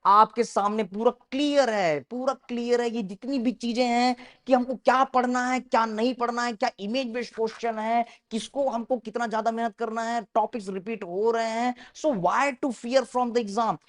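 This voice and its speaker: A woman's voice: a little high, fairly even intonation, normal speed, few pauses. A woman with an Indian English accent giving an exam-prep lecture in mixed Hindi and English, emphatic and repeating her key points. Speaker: medical entrance exam teacher.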